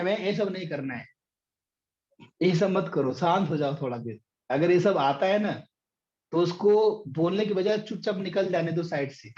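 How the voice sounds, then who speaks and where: A man's voice: high voice, a little mellow. A middle-aged man, a business coach telling stories and teaching in an online session, with frequent fillers. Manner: anecdotal and hesitant, many fillers. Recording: dull lo-fi audio.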